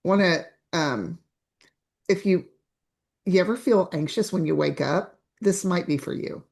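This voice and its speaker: A woman's voice: fairly low pitch, unhurried, gravelly, a little mellow, husky. A woman coach teaching a live online training, chatty, asking rhetorical questions and restarting her phrases. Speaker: business coach.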